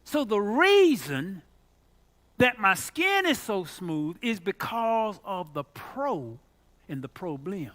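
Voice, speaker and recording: A male pastor delivers a sermon with a bright, forward voice. His pitch leaps all over the place, from low, murmured asides to high, loud outbursts. He preaches as a storyteller, with a lot of drama. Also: big pitch swings, slow pace.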